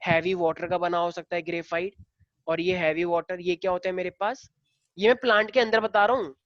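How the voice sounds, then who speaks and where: A man's voice: sits high, steady tone, a little fast, no room sound, lo-fi sound. A male teacher lecturing a class in a casual way, explaining step by step and firing questions at the students.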